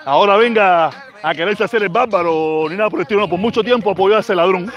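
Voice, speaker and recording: A man's voice: high-pitched, fast talker, fairly bright tone, highs cut off, faint music behind. A Cuban man with a Cuban accent, ranting heatedly on his channel, repeating himself and reading out viewer comments. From Cuba. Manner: angry, repetitive, street slang. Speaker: channel host.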